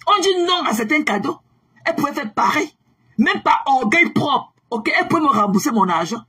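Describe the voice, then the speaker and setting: Lady ranting on her live, high voice, mocking her viewers, keeps repeating herself and yelling. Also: expressive, normal speed. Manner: taunting, repeats mocking questions, shouts at times. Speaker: livestreamer. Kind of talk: angry livestream rant at viewers.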